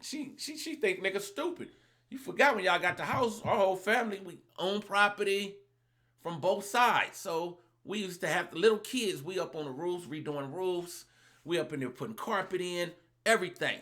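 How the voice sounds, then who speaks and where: A man tells a story from his own life in a loose, profane monologue. His voice sits a little high and sounds bright and forceful. He keeps acting out what other people said. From Los Angeles. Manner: animated, profane, acts out other people's lines. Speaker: vlogger telling a personal story.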